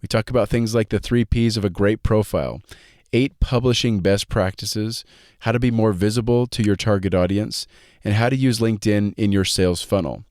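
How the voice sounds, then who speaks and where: Upbeat male podcast host, lowish voice. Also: moderate pace, darkish tone. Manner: upbeat, welcoming, uses "kinda" and "uh". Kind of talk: interview hosting.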